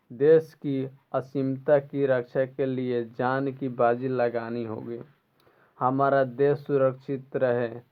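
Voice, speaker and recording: A man teaches a school lesson at an unhurried, deliberate pace, repeating each phrase so his students can follow. He clears his throat now and then as he talks. The sound is thin and tinny, like a phone line. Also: medium pitch. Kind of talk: explaining a school textbook lesson.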